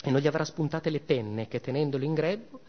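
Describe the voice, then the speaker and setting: Here a man performs the part of a proud, envious goddess mother, his voice lifted high as he scolds and sneers with theatrical flair, animated and a little fast, in a brooding, vengeful mood. This myth reading comes through muffled and dull, with a lengthy hall echo trailing behind it.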